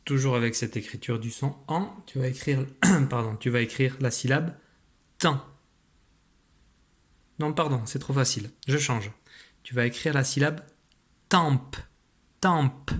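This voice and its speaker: A man, a teacher giving a recorded spelling dictation, patient and clear, slowly articulating each sound. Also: medium pitch.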